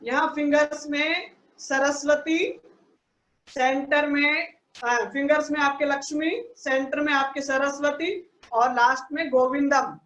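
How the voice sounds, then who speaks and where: A woman's voice sits high and comes across slightly bright, with flat delivery and a reverberant, lo-fi sound from an online video call. Teaching children online, she goes step by step with patience, speaking slowly and repeatedly checking "ठीक है ना."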